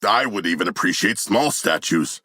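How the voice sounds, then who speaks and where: An actor playing a hulking, proud and bloodthirsty shark warrior for a video game, speaking in polite, pompous, stilted formal sentences with a gravelly voice. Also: male voice, low voice, animated, moderate pace, bright, forceful tone, no room sound, clean studio sound, heavily acted. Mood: polite, deadpan. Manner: formal, stilted, grandiloquent diction.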